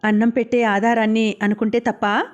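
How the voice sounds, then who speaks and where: A woman voicing an earnest friend who gently scolds and mediates. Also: a little high, flat delivery, brisk, lo-fi sound, natural voice. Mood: reproachful. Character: calm, reproachful woman friend, patient mediator.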